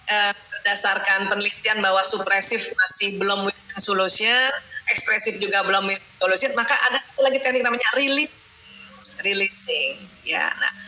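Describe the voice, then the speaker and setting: Bright-voiced woman giving a talk. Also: fairly high pitch, a little hiss or hum. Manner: conversational, explains step by step. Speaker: doctor and teacher giving a talk. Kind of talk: religious talk on managing emotions. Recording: roomy echo.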